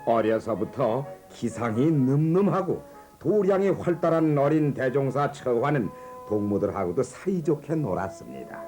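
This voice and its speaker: A man narrating a children's animated biography in a gentle, measured storytelling manner. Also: medium pitch. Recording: narration over background music.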